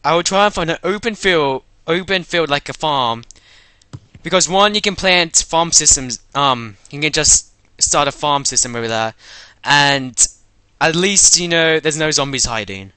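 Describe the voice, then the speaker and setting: A man's voice: fairly high pitch, lively intonation, normal speed, bright, forceful tone, smooth, no echo. A young man in casual podcast chat, jumping in eagerly with his own ideas. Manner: eager, jumps in with suggestions. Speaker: podcast co-host.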